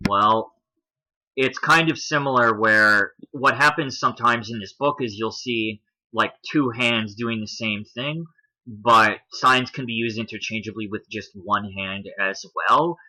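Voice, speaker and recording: A man's voice: on the low side, unhurried, bright, forceful tone, poor audio. A man giving casual explanatory commentary over images, walking through his points one at a time, spelling out letters and often adding "if you will". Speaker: video commentator.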